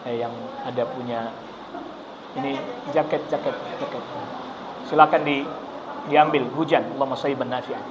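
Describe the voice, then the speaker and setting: A male preacher giving a casual religious study talk in a mosque, lively and colloquial, acting out the people he describes. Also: medium pitch, moderate pace, pauses often, dull audio, crowd noise. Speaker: Islamic preacher.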